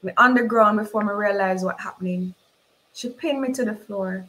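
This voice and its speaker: Author reading from her novel, slow measured dialect delivery, middle pitch. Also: a bit bright, rough recording.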